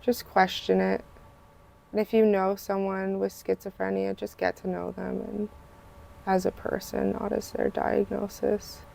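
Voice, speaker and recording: A woman being interviewed on a podcast, speaking in a flat, heavily gravelly voice. Her tone is dark and mellow, and she keeps her replies quiet, plain and brief. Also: mid-range voice, unhurried, slight background noise. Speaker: podcast guest. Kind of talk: casual interview chat.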